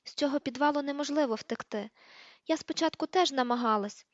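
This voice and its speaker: A woman reading an audiobook, voicing a gentle, dreamy teenage girl who speaks softly and calmly. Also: high voice, fairly quick, dry recording, voice pushed up, natural voice. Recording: dull lo-fi recording.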